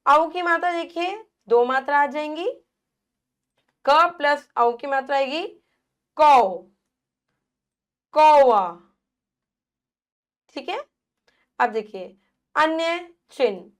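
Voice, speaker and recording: A woman teacher with a high voice walks young children through a grammar lesson. She talks slowly and stretches each syllable as she sounds it out. She keeps asking a question and then giving the answer herself. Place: classroom. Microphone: device at a smart screen.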